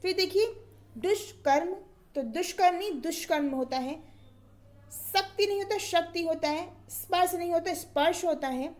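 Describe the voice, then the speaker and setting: A high-voiced woman teaching an exam-prep grammar class. She talks methodically and repeats each word twice. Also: normal speed, a little mellow.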